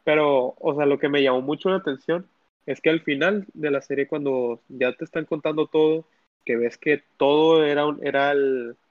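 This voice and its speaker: A young man, recapping a show in casual podcast chat, rambling and restarting often. His voice sits mid-pitch. The sound is dry and dull, lo-fi. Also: moderate pace, dry recording. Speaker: podcast co-host.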